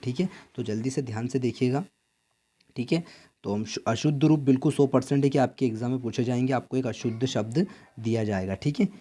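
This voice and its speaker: A man's voice: medium pitch, dark tone. A man with a Madhya Pradesh Hindi accent teaching an exam-prep lesson, often repeating answers back as questions and checking in with "theek hai.".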